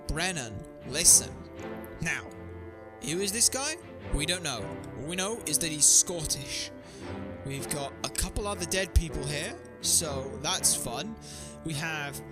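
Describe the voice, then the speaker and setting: Brief: male gaming commentator, lively swinging pitch, thinking aloud, music playing behind. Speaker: gaming streamer. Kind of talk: let's play commentary. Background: background music.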